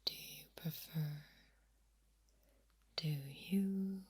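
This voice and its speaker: A woman whispering slowly in an ASMR video, repeating words softly as a trigger. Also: medium pitch, steady tone. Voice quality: breathy whisper. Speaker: ASMR creator.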